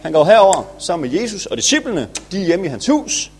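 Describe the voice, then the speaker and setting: A man's voice: sits high, very animated. A man, a pastor, retelling a Bible story for children in a chatty, playful way.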